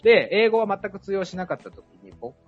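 A man's voice: high-pitched, fast. A man with a Kansai accent, a liqueur maker telling stories in a casual live chat, laughing often. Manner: lively, laughing, storytelling with dialect. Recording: dull lo-fi live stream with faint music.

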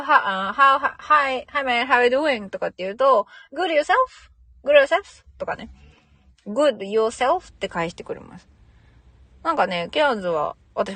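A young woman hosts her own podcast, chatting casually alone, laughing, and imitating local greetings. Her voice is medium-pitched in a dry recording.

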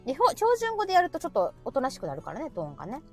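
A woman from Osaka with a Kansai accent, co-hosting a casual talk show and chatting in an animated way with frequent laughter. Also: sits high, very fast, faint music behind. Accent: Kansai Japanese. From Osaka, Japan. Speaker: co-host of a live audio talk show. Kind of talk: casual chat.

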